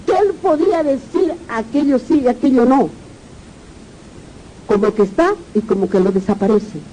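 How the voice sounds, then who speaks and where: A woman's voice: high-pitched, moderate pace, warm tone, breathy edge, low-quality recording. A woman pastor with a Peruvian Spanish accent, preaching a sermon, reading verses aloud and asking the congregation questions.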